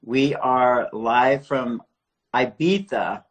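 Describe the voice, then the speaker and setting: A man's voice: medium pitch, moderate pace, a little hiss or hum. A man hosting a live online art interview series over a video call, chatty and full of questions. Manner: friendly, chatty, asks questions.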